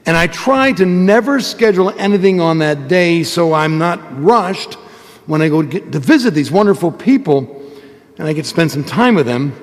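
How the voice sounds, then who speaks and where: Higher-voiced priest in cathedral echo. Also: male voice. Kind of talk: gospel reading and homily. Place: large church. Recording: long cathedral-like reverberant hall echo.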